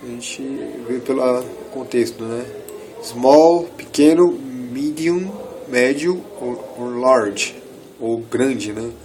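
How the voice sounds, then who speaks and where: A man in his thirties from Brazil, teaching English in a casual lesson, switching between quick asides and slow, careful reading of English phrases. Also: medium pitch, a little mellow, soft background music, poor audio. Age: 30s. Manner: explains in quick asides, slows down to read English. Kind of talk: casual bilingual language lesson.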